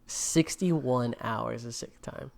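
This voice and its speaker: Man, podcast co-host, casual chat, rambling, lots of fillers, jokey, middle pitch. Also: slow, creaky, darkish tone.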